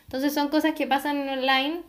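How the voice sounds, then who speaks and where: A woman's voice: high-pitched, little pitch movement, normal speed. A teenage girl with a Chilean accent, chatting casually with friends about school and selling online. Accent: Chilean Spanish. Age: teens. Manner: chatty, acts out quotes of herself. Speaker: student, online shop owner. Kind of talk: casual chat.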